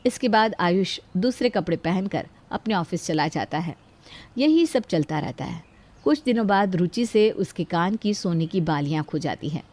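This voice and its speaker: A woman narrating a cartoon story in a steady, scripted storytelling manner. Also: fairly low pitch, moderate pace.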